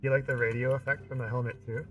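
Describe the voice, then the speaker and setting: A man's voice: medium pitch, level tone, fast, recorded from a distance. Man talking through an AM radio filter. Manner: rambling, lots of "you know" fillers. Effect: AM radio filter on his voice. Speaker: game streamer. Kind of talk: casual gameplay commentary.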